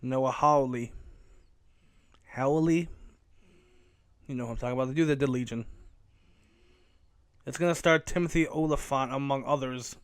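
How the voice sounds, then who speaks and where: A man's voice: mid-range voice, normal speed, long pauses, clear, resonant tone, no echo. Rambling, profane man hosting a podcast. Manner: rambling, self-correcting and profane. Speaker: podcast host. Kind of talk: casual solo commentary podcast.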